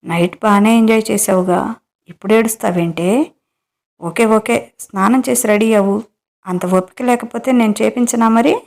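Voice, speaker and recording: A cocky young man with a breezy, dismissive way of talking, as a woman reads him in a romance audio story. His voice sits in a middle pitch and carries confident, teasing lines. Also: steady tone, moderate pace, creaky, natural voice.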